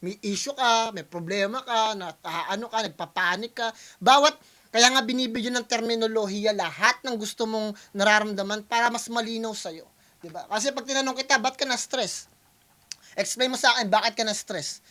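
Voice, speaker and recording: A man's voice: high voice, a little fast, bright, forceful tone. A man, a music producer, talking casually to his viewers and explaining things step by step at length, often checking in with "di ba?" and mixing English into his Tagalog. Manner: long-winded, explains step by step, often asks "di ba?"; Taglish, switches between Tagalog and English. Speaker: music producer reacting to a rap battle.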